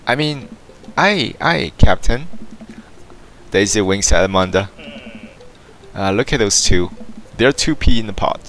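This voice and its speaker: A man's voice: on the low side, moderate pace, pauses often, fairly bright tone. A man playing a dating game, casually reading its text aloud and stumbling over words now and then. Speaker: let's play gamer.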